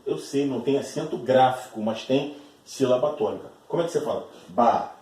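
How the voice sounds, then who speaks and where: A man's voice: medium pitch, a little fast, warm tone, distant mic. Man teaching grammar in an echoey room. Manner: patient, checks in often with tag questions. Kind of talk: recorded online grammar lesson.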